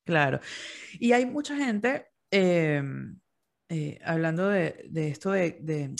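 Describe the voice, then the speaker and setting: Gravelly-voiced male psychologist. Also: fairly high pitch, animated, takes it slowly. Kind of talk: casual conversation.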